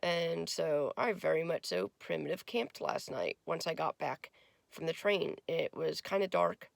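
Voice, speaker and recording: Raspy just-woken woman, gravelly and dry. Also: deep voice, a little slow, dry recording. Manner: rambling, filler-heavy, chatty. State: just woke up. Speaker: travel vlogger. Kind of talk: casual vlog chat. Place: in a car at a forest campsite.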